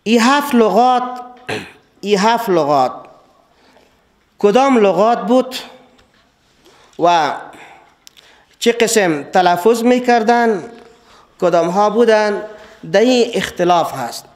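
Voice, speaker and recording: High-voiced Afghan Dari lecturer. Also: male voice, expressive. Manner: repeats key words, stresses phrases by rising; slow, deliberate listing. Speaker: religious teacher. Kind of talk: classroom Quran lecture.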